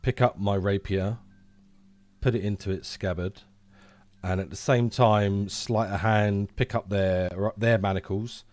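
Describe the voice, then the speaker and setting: Low-ish guy playing d&d, eager, spells out each move. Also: steady tone, a little slow, a little mellow. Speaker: player. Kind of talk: casual tabletop game play.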